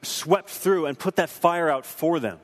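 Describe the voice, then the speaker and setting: Man, young adult, earnest preacherly film commentary, slightly raised pitch, echoing hall. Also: unhurried. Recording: long hall reverb.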